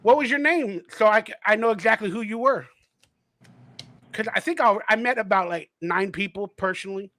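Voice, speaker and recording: High bright-voiced man, animated chat. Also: moderate pace, dry recording. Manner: animated storyteller, acts out quotes, swears freely. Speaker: host of a fan livestream. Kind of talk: casual chat.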